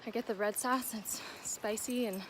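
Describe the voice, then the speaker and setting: This trail vlog features a young American woman chatting informally as she moves outdoors, now and then turning to talk to her dog. Her voice is a little high and steady, at a normal speed, over a noisy background.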